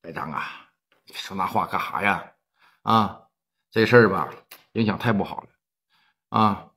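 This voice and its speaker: A man with a Northeastern Chinese accent voicing a middle-aged gang boss who swears roughly and blusters. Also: low voice, moderate pace, bright, forceful tone, voice pushed down. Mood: placating.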